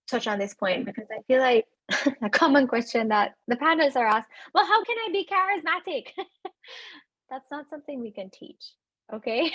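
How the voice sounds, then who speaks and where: A woman in her thirties with a non-native English accent coaches a webinar on residency interviews, animated, laughing often and speaking directly to listeners. Her voice is fairly high and a little husky, recorded dry and close.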